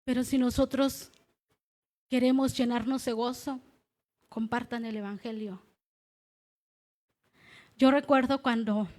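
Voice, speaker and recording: A woman giving an animated church testimony, laughing often as she tells her story. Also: high voice. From Mexico. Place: church meeting hall.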